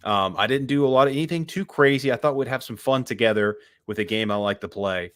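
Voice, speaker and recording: A man's voice: mid-range voice, quick pace, fairly bright tone, dry recording. Laid-back swearing podcast host man. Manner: loose, swearing, chatty, hesitant with fillers. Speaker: podcast host running a game segment. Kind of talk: casual podcast chat.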